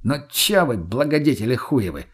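A man's voice: mid-range voice, sing-song, normal speed, slightly rough. A man voicing a crude, foul-mouthed young slacker who taunts and swears. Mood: scornful.

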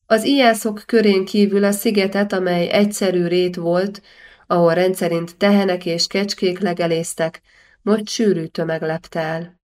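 A woman narrating a historical novel audiobook in a measured, expressive storytelling manner. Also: lowish voice. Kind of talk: scripted narration.

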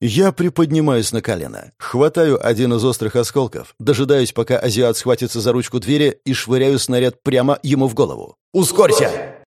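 A man's voice: medium pitch, animated, fairly quick, hardly any pauses, a little mellow, dry recording, studio quality. Gritty male audiobook narrator. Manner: intense, gritty storytelling. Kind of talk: dramatic scripted narration.

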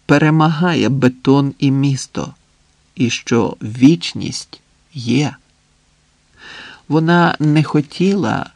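A man reads literary fiction aloud at a measured, unhurried pace, letting long pauses sit between phrases. His voice sits at an ordinary middle pitch. The recording is close and dry, with no room sound. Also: darkish tone, no room sound. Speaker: audiobook narrator. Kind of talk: scripted literary narration.

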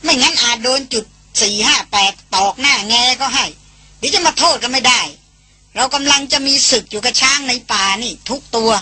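Woman playing cocky joking young man, loud, mocking, raised pitch, husky edge. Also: fairly quick, exaggerated voice. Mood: teasing. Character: teasing young man, brash joker.

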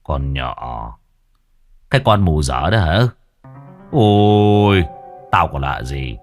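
A gruff, short-tempered village chief in an audio storybook, rumbling in a sunk-low growl, as a male narrator puts him on. He barks orders and curses with a deep, swinging delivery. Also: animated, slow pace, soft background music, full character voice. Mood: irritated.

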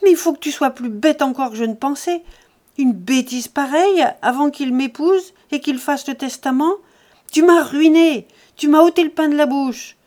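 A woman reading an audiobook, voicing a furious young farm woman who scornfully shouts down a man. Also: high voice, moderate pace, pitched above the performer's own voice, close to an everyday voice.

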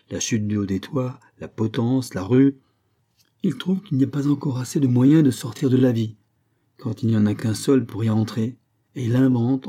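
A man's voice: medium pitch, dark tone, slightly rough. A man voicing a grandiose, mocking male mystic conspirator in an audiobook, with emphatic, sweeping, ironic delivery. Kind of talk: audiobook reading.

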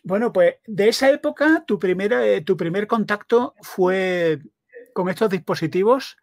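A man's voice: high voice, normal speed, darkish tone, dry recording, clean studio sound. A man with a Spain accent hosting a podcast, chatty and enthusiastic, asking long questions. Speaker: podcast host. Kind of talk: casual interview chat.

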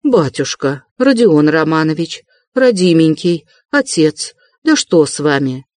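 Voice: medium pitch, very animated, measured pace, darkish tone, no room sound. A reader voicing a fussy, ingratiating middle-aged male investigator in an audiobook, wheedling and chuckling. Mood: alarmed, hushed. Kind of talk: audiobook character reading.

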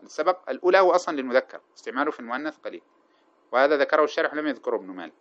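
Fast-talking grammar teacher, lo-fi. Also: male voice, medium pitch, sing-song. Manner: asks the class questions with a drawn-out "what?" and answers them himself; slows down and chants the quoted verses. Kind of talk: classroom explanation of a grammar text. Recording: dull lo-fi recording.

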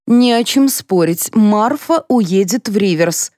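A woman reading an audiobook, voicing a cold, domineering older matriarch who speaks slowly and deliberately. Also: medium pitch, lively intonation, dark tone, no echo, clean studio sound, pitched above the performer's own voice, close to an everyday voice. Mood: stony. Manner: slow, stony and deliberate.

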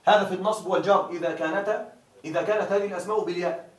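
High-voiced male teacher in an echoey room. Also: fairly even intonation, slight background noise. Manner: keeps asking students if it is clear; drawls example words slowly. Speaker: grammar teacher. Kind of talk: classroom lecture. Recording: echoey room, mic far off.

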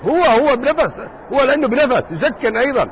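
A man teaching a jurisprudence lesson in a mosque circle, talking casually and lively, joking with his students and firing rhetorical questions at them. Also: very high-pitched, fast, slight background noise, rough recording. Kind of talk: informal classroom lesson.

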